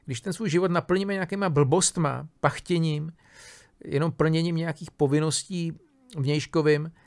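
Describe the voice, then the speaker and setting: Gravelly man giving a casual philosophy lecture. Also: fairly high pitch, fairly even intonation, a little mellow. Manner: casual, thinking aloud with many fillers, restarts and tag questions. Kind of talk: informal spoken lecture on a philosophy text.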